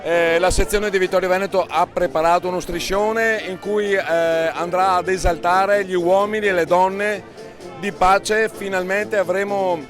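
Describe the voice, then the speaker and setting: A man's voice: high voice, steady tone, measured pace. A man from a section of the alpine troops association, speaking in an upbeat, proud way. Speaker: section member. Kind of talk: interview answer. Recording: clear music behind the voice.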